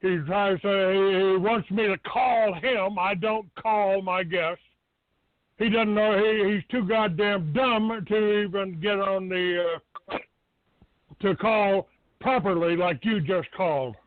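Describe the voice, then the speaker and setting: A talk show host takes calls on live internet radio, blunt, combative and dismissive, swearing as he goes. His voice is high-pitched and slow. The sound is narrow, phone-like and low-fidelity, with no echo.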